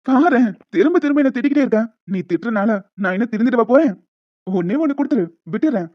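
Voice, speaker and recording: A woman's voice: on the high side, lively intonation, quick pace, no echo. A woman voicing a smug, scheming young man who taunts and teases in a cartoon. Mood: taunting. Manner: taunting, teasing. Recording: dull lo-fi with music behind.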